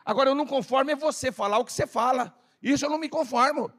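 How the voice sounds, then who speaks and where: A man preaching a lively sermon in church, firing rhetorical questions and calling for responses. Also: extremely high pitch, very fast. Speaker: pastor. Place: church service.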